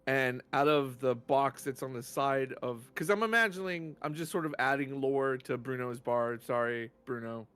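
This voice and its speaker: A man playing a tabletop game, improvising narration casually and haltingly as he thinks aloud. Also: medium pitch, a bit bright, clean tone.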